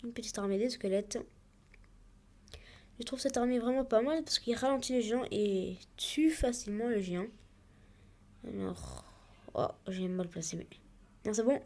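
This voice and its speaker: A woman's voice: a little high, sing-song, normal speed, pauses often, darkish tone. A woman, chatting through her own mobile gameplay live and narrating each move as she makes it. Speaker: let's play gamer.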